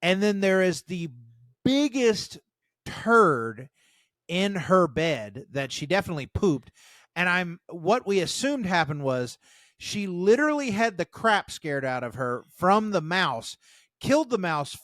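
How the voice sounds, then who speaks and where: A man's voice: a little high, no echo. A man co-hosting a casual podcast, reading posts aloud and rambling between laughs. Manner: rambling, laughs often, lively storyteller. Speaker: podcast co-host.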